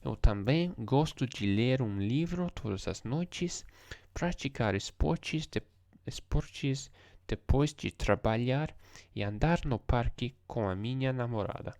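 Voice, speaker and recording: A young man, talking in a hushed, tired voice as he thinks aloud through language practice in a casual vlog. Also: mid-range voice, expressive, unhurried, hardly any pauses, no echo, clean studio sound. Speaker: language learner vlogger. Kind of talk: casual screen-recorded vlog.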